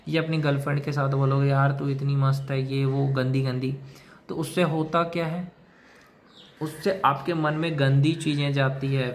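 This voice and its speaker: A man's voice: medium pitch, creaky, slight background noise. A man giving a direct-to-camera advice monologue, lecturing in a repetitive way and talking to the listener like a brother. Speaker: self-help video host.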